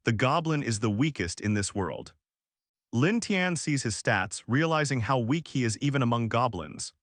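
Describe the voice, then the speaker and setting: A man's voice: mid-range voice, a bit bright, no echo, clean studio sound. A man narrating a comic recap in a scripted storytelling voice.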